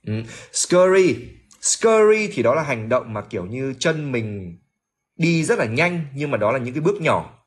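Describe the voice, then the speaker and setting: An English teacher hosts a livestream lesson, reading lines aloud and breaking them down in a middle-pitched voice. He is loose and chatty, repeating words while he searches for them and tossing jokes to his viewers.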